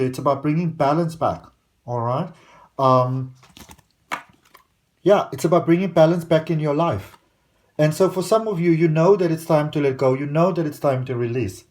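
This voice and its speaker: Earnest tarot reader man, higher voice. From South Africa. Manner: earnest, repeats "I can see" phrases. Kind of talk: tarot reading to camera.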